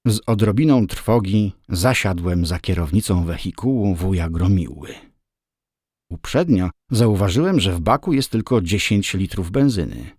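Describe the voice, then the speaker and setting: Low-voiced male audiobook narrator. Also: animated, normal speed, a little mellow, husky, no echo, studio quality. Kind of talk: scripted narration.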